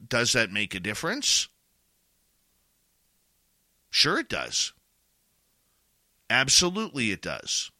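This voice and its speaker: A Canadian man giving opinion commentary in an emphatic, deliberate way, posing rhetorical questions and pausing for weight. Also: medium pitch, sharp tone, no echo, clean studio sound.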